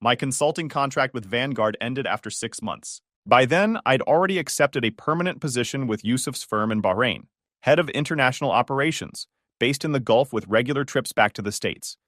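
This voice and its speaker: A man reading a scripted first-person story in an even, measured way. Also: medium pitch, no echo, studio quality. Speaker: story narrator.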